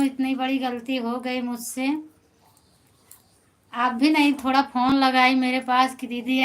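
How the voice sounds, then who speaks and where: A woman with an Awadhi accent hosts a casual live stream on her phone. Her voice sits high and stays fairly even in tone. She chats with her viewers, answers them by name and reassures them warmly. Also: low-quality recording. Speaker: folk singer hosting a live stream.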